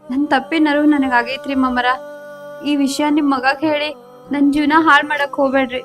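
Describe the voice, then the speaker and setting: An actress with a North Karnataka Kannada accent, playing a young daughter-in-law who pleads and protests deferentially. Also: female voice, high-pitched, flat delivery, brisk, faint music behind, close to an everyday voice. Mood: pleading. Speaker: actor in a village comedy film.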